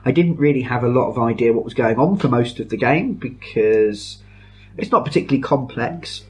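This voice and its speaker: A man's voice: mid-range voice, animated, brisk, a little mellow. A young man hosting a casual podcast chat, chatty and giggly, with lots of ums. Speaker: podcast host.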